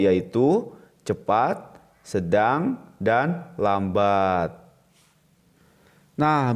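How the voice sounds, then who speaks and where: A man's voice: mid-range voice, a little mellow. A man teaching a recorded music lesson to children, explaining patiently and repeating each point step by step.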